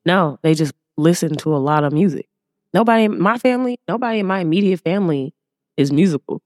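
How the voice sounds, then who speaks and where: A woman's voice: lowish voice, lively intonation, fast, a little mellow, no room sound, clean studio sound. An American woman from Oakland with a Bay Area accent, chatting casually and slangily as a podcast guest. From Oakland, California. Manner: laid-back, slangy. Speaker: podcast guest, music artist. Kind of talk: casual chat.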